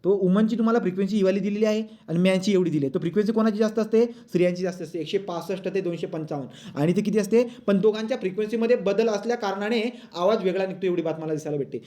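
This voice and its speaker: Male teacher lecturing a class, fast and high-pitched, keeps checking understanding, mixes in English terms. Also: dark tone. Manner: asks pupils frequent check questions; mixes English textbook lines into Marathi. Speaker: physics teacher.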